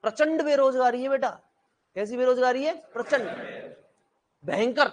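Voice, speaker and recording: A man with a very high voice lectures a class. He talks bluntly and half-jokingly, scolds his students and keeps asking them questions that he answers himself. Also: moderate pace. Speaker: teacher.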